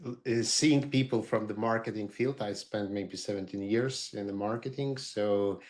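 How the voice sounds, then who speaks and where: Halting middle-aged man. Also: lowish voice, a little mellow. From Lithuania. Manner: halting, many fillers and restarts, with chuckles. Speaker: roundtable participant, marketer. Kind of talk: casual group video call.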